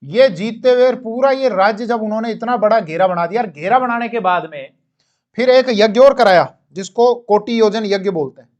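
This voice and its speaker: Male history teacher with a high voice, explaining with asides and corrections. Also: moderate pace, darkish tone, muffled recording. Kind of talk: classroom history lecture.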